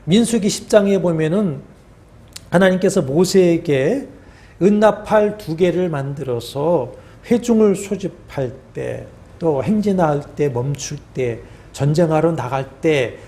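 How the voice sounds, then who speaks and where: A man preaching a sermon as a pastor, in measured phrases with pauses and fillers, his voice dropping at the ends of phrases. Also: fairly high pitch, lively intonation, a little mellow. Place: church sanctuary.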